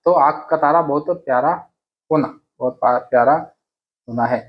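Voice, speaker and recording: A man's voice: medium pitch, moderate pace. A man teaching exam grammar in a casual classroom way, repeating each sentence and asking and answering his own questions. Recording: dull lo-fi sound.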